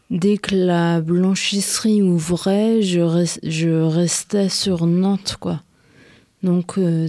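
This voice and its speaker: A woman in her thirties with a western French accent, answering questions in a radio studio with halting speech and many pauses. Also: fairly low pitch, warm tone, no room sound. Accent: French, from western France. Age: 30s. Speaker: interviewee. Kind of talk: radio interview.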